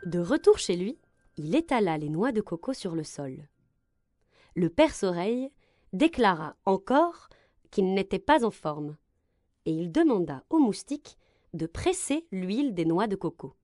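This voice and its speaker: A woman reads a children's story aloud with expressive, gentle narration. Her pitch rises and falls a lot as she tells it. The sound is dry and close, with no room echo. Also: a little slow.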